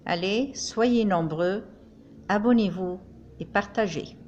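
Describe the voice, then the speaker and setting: Slow, deliberate older woman teaching. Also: mid-range voice, darkish tone, muffled recording, a little hiss or hum. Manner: slow, deliberate, spells out each sound for repetition. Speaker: French teacher. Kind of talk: language lesson.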